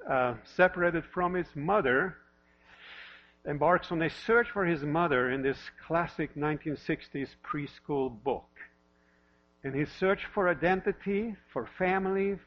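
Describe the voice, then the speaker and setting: A husky pastor in his fifties, originally from Norway, preaches in a church and talks a little higher than most men. He speaks conversationally and pokes fun at himself. The recording is lo-fi and dull, with a steady mains hum behind him. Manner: warm self-deprecating humor, conversational with repeated questions. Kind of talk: sermon. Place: church sanctuary.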